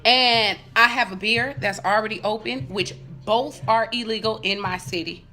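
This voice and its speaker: A woman vlogger tells her viewers a story in a casual, comic way, lively and full of swearing, with side comments and acted-out lines of dialogue. Her voice sits on the high side and her pace is normal.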